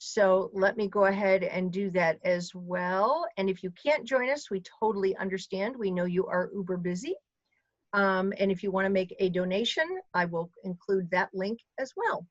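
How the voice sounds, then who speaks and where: A woman's voice: mid-range voice, moderate pace, no room sound. A woman hosting an online training session, thanking attendees and sharing links, with frequent ums. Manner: warm, grateful, many ums. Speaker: webinar host. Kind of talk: casual closing remarks on a video call. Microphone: video call. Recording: muffled video call audio.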